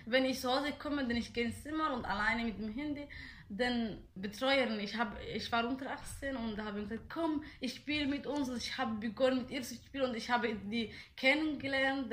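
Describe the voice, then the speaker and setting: A woman's voice: on the high side, a bit bright, slight background noise. Hesitant young woman. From Somalia. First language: Somali. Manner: hesitant, many fillers and restarts. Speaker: interviewee. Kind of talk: casual interview answers.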